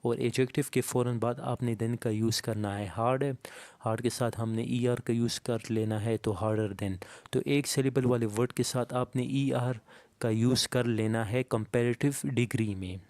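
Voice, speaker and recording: A man teaching English grammar, explaining slowly and reading each example sentence aloud word by word. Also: mid-range voice, fairly even intonation, darkish tone, no room sound. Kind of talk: explaining a lesson to students.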